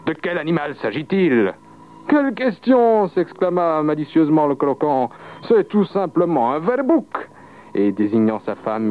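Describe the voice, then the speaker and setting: Man reading a legend on the radio. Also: fairly low pitch. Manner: expressive, with wide swings of voice. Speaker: reader of a legend. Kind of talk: scripted storytelling reading. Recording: muffled lo-fi radio recording.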